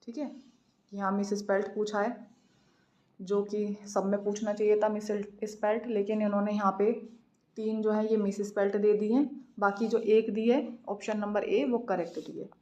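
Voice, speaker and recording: Woman, exam coach, mid-pitched, slow deliberate question reading. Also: level tone, a little mellow, muffled recording. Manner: reads questions slowly, explains in Hindi-English mix. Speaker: English exam teacher. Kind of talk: exam practice lesson.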